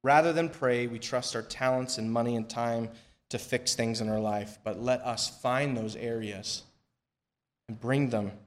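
A man preaching a sermon and leading prayer at a pulpit microphone in a church, reading scripture in a measured, emphatic way that falls soft at the ends of phrases. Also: medium pitch. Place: church sanctuary.

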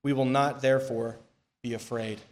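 This medium-pitched man delivers a sermon and leads prayer from the pulpit mic of a church sanctuary, his intonation staying fairly even. He reads scripture with measured emphasis, letting each phrase fall gently at its close.

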